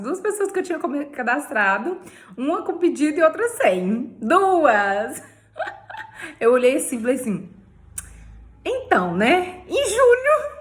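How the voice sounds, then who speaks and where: Playful Brazilian woman telling her story. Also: sits high. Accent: Brazilian Portuguese. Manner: playful storyteller, laughs often, frequent "né?". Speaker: beauty sales director. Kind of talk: personal testimony vlog.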